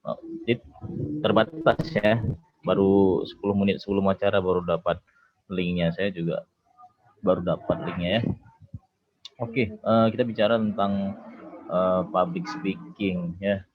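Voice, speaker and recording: Low-voiced man giving an online talk. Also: unhurried, long pauses, narrow, tinny audio. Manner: relaxed, conversational, many "eh" fillers and "ya" tags. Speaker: doctor giving a public speaking talk.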